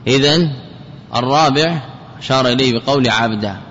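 A male sheikh gives a traditional lecture and keeps going back over examples word by word. His voice sits at an ordinary pitch. The recording is muffled and carries a long, hall-like reverb with faint hiss underneath. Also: a bit bright. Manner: repeats key words and examples slowly, chants quoted verses. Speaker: sheikh teaching grammar. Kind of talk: traditional lecture explaining a grammar text.

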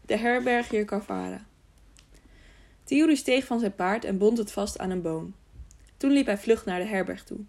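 A woman's voice: mid-range voice, moderate pace, vocal fry, a little mellow. A woman narrating an audiobook. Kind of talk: scripted narration.

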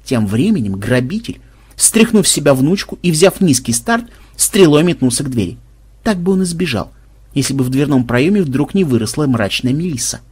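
A man's voice: a little high, big pitch swings, normal speed, a little mellow, husky. A man narrating an audiobook expressively, giving each character a voice.

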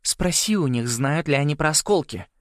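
A man voicing a tiny sharp-tongued girl who whispers mockingly in a boy's ear in a storybook. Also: fairly high pitch, lively intonation, normal speed, dry recording, studio quality, voice pushed up, close to an everyday voice. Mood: snappish. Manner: mocking and irritated.

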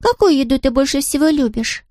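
A tiny yellow storybook chick girl with a very high, squeaky voice, always chattering and asking eager questions. The voice is dry and close, with no room around it. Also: animated, a little fast, no room sound. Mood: friendly.

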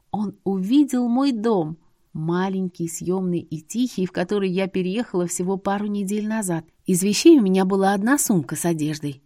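A woman narrating a first-person audiobook in a steady, even storytelling manner. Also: medium pitch, no room sound, clean studio sound.

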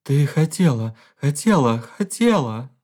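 A man's voice: medium pitch, normal speed, natural voice. A man reading an audiobook voices a frightened husband who calls out anxiously and cries out in terror. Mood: sobbing. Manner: calls out anxiously, then screams and sobs. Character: frightened middle-aged husband, pleading and terrified.

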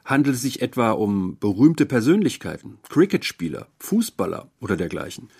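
A man's voice: lowish voice, big pitch swings, normal speed, creaky, darkish tone, slightly rough, heavily acted. A man voicing a curious young male lodger, polite and eager, with an earnest, inquisitive manner.

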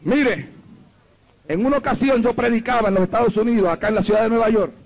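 A man preaching a fervent sermon, telling a story and building to loud commanding prayer. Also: extremely high pitch, quick pace, gravelly, low-quality recording. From Puerto Rico. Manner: storytelling with repeated exclamations. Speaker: pastor.

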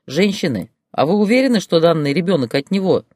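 A stern male boss barks orders slowly and heavily, demanding quiet, as a reader voices him. The voice sits close and dry with no room sound. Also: medium pitch, sing-song, dry recording, pitched above the performer's own voice. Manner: slow, barking orders.

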